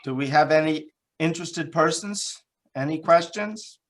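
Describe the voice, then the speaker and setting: Plain-spoken man running a town meeting. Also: fairly high pitch. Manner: plain, halting, many fillers. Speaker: town supervisor.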